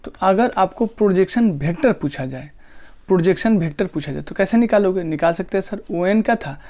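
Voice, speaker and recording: This male physics teacher has a high-pitched, expressive voice with a slightly mellow quality. During his classroom lecture he quizzes the class, asks rhetorical questions only to answer them, and stretches out terms in slow dictation.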